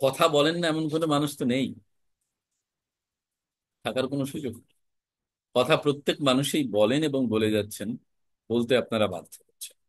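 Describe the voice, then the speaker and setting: A man teaching an online class on spoken-word art, explaining in a measured, emphatic way with deliberate pauses. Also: medium pitch, dry recording. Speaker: recitation and voice teacher.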